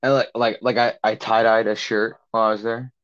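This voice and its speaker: The speaker is a young man co-hosting a podcast, loosely recounting a long story from camp with plenty of "like" while he acts out what people said. His pitch is fairly low and level, his pace fairly quick, and the sound is dull and lo-fi.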